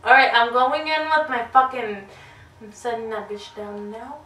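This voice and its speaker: A young woman with a high, bright voice talks casually, often dropping to a self-mocking mumble and swearing freely. She sounds a little far from the mic in an echoey room. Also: normal speed. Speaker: vlog co-host. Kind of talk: casual tipsy chat. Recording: echoey room, camera mic from a distance, faint noise.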